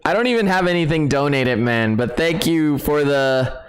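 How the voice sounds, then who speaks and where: A man hosting a live gaming stream, chatting with viewers, excitable, laughing often and repeating himself. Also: a little high, normal speed, slight background noise. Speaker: streamer host. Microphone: desk microphone.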